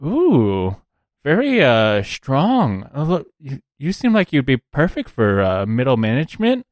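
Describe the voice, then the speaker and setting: Man doing a sugary businesswoman recruiter in a tabletop game, raised bright voice, gushing and flattering, slow pushy sales talk. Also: mid-range voice, dry recording, clean studio sound, pitched above the performer's own voice. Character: smiling female corporate recruiter, pushy and sugary.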